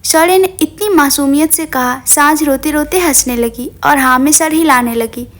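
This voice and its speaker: A woman's voice: sits high, normal speed. A woman narrating an emotional story, reading it expressively as a storyteller.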